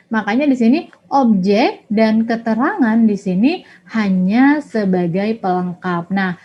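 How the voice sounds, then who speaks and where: A woman's voice: mid-range voice, lively intonation, a little slow. A woman teacher explaining grammar in a lesson, with a patient, explanatory manner. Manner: explanatory, frequent "nah" and "ya". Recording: dull lo-fi audio.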